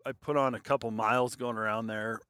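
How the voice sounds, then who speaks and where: A man casually recounting a hunting trip in the mountains, talking hesitantly with many fillers and pauses. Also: medium pitch, steady tone, bright, forceful tone, smooth, no room sound, studio quality. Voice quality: hesitant, lots of fillers and restarts. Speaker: hunter telling a story. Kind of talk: casual storytelling.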